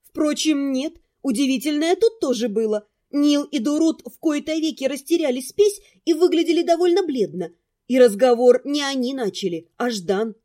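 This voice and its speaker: A woman calmly narrating a first-person fantasy audiobook. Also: sits high, normal speed.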